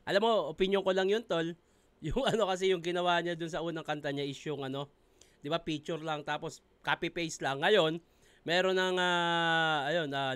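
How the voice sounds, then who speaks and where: A man with a Filipino accent hosting a reaction video, talking casually, swearing freely and breaking into excited shouts. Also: a little high, smooth, no room sound.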